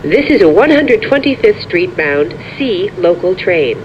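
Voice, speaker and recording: A prerecorded train announcer heard over a subway car's intercom, giving stops in an even, measured delivery. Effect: over a train intercom speaker. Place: inside a subway car. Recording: muffled lo-fi train speaker, rumble behind.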